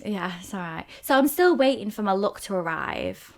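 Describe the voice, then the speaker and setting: A young woman co-hosting a podcast, talking in a loose, rambling way and breaking into laughter as she tells her stories. Her pitch sits in an ordinary middle range for a woman. The talk is relaxed, casual chat between friends. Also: moderate pace. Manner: chatty, rambling storytelling with frequent laughs. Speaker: podcast co-host.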